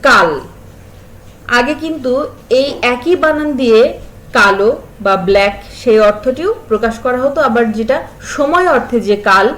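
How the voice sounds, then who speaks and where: A woman teaching a spelling lesson to school pupils, slowly listing example words and stressing their sounds. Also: a little high, expressive, fairly bright tone, low-quality recording. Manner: stresses and repeats sounds to show pronunciation.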